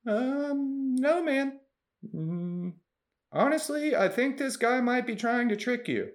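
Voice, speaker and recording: A man's voice: animated, slow, heavily acted. A man voicing a shifty, nervous young man who hems and stammers as he dodges the truth. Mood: evasive. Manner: hesitant, stammering, high and thin.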